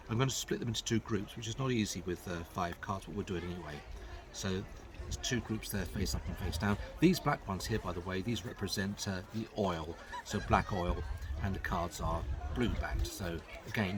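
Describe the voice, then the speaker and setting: Brief: middle-aged male card magician, lowish voice, casual chatty patter while demonstrating tricks. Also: moderate pace, a crowd in the background. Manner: chatty, explaining as he handles cards.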